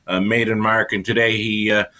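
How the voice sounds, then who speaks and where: A man giving unscripted post-race commentary in a halting way, pausing often mid-sentence. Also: on the low side, level tone, sharp tone.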